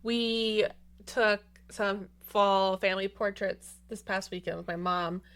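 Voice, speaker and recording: A woman's voice: mid-range voice, fairly even intonation, slow, fairly bright tone, clean tone. A woman in her thirties co-hosting a podcast, chatting casually and gushingly with lots of filler words. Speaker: podcast co-host. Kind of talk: casual chat.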